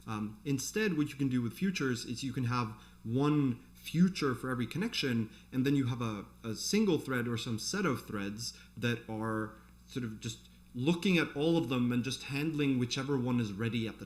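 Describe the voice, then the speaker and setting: A man giving an informal programming tutorial, thinking aloud in a conversational way as he explains. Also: mid-range voice. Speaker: programming instructor. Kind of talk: informal live coding tutorial, explaining off the cuff.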